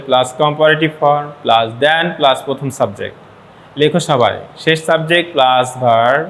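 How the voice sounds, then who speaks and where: A male teacher talks a classroom through a grammar lesson, his voice sitting a little high. He repeats words slowly to model their sound and slips English phrases into his explanations. Faint background noise runs under the recording. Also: a bit bright. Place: classroom with students.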